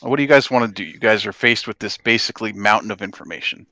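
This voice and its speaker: A man's voice: lowish voice, quick pace, bright, forceful tone, dry recording. A man working as game master, explaining and narrating a tabletop game in an informal, conversational way.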